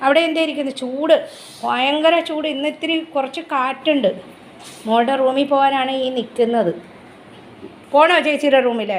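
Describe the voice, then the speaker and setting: A woman's voice: high-pitched, fairly even intonation, moderate pace, a little hiss or hum. A woman vlogging casually at home, coaxing her pet dog in baby talk and chatting to viewers. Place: home, indoors and up on the terrace.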